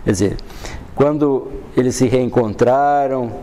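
An older man with a Brazilian Portuguese accent leads a study class. He reads from a book and explains it in a calm, unhurried way, often adding "né". His voice is mellow and dark, and his pitch is middling for a man. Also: slight background noise. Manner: reads passages then explains them in a calm, unhurried way, with frequent "né". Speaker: study group teacher. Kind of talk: reading aloud and explaining a spiritist book. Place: dim classroom with a projector screen.

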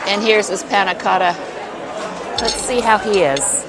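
In a busy indoor buffet restaurant, a woman casually reviews food to camera, playful and exclaiming as she chats between bites. Her mid-range voice is unhurried, set against heavy background noise of crowd chatter and music.

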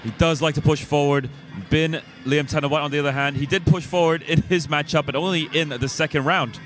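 A man's voice: a little high, steady tone, a little fast, fairly bright tone, slight background noise. A man giving live sports commentary as a fight commentator.

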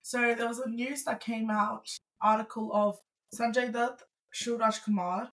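A woman's voice: on the high side, steady tone, measured pace, fairly bright tone, low-quality recording. A young woman raised overseas, co-hosting a casual podcast, explaining things with frequent ums and a dry sense of humor. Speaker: podcast co-host. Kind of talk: casual chat.

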